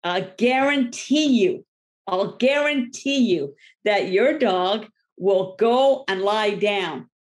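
A middle-aged woman dog trainer giving a lively talk to a seminar audience, often acting out the voices of owners and dogs. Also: medium pitch, slow pace. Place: library event room.

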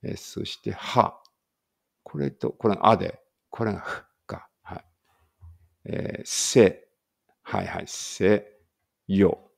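A man's voice: sits low, fairly even intonation, slow, vocal fry, pauses often. A man reading a study text aloud in a casual study-along and thinking aloud in muttered asides. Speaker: language teacher reading aloud.

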